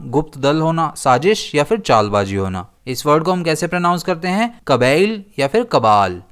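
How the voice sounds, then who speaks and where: A man teaching an exam-prep vocabulary lesson, listing words steadily and slowing down to read definitions. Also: fairly high pitch, clear, resonant tone.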